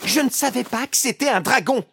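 A woman voicing a gentle, timid young boy in an audiobook drama. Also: a little high, fairly quick, husky, heavily acted. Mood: earnest.

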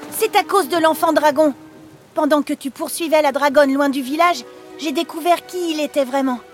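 Male narrator doing high-pitched brave teen girl, storybook, urgent. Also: moderate pace, fairly bright tone, faint music behind. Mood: pleading. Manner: pleading, urgent. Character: brave teenage girl, daughter of a hunter.

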